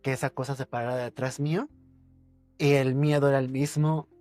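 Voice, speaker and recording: A man, a podcast guest telling a personal ghost story with suspense, repeating words and dropping his voice low. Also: little pitch movement, normal speed, darkish tone, faint music behind.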